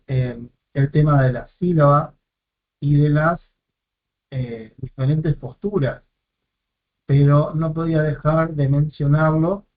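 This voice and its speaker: A man teaching a lesson step by step, repeating and sounding out each syllable and correcting himself as he goes. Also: on the high side. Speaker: Biblical Hebrew teacher. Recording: tinny phone-like audio.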